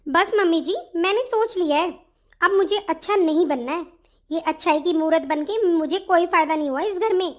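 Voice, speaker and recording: A fed-up young wife from a cartoon family drama, voiced by a woman. She talks back in an indignant, outspoken way and lists her grievances. Her voice is very high. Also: normal speed. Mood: complaining. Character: long-suffering elder daughter-in-law finally speaking up. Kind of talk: animated family story voice acting.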